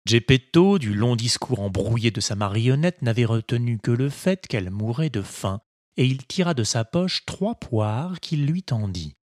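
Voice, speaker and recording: A man reading a children's storybook aloud as narrator, slow and expressive. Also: mid-range voice, no echo, clean studio sound. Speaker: audiobook narrator.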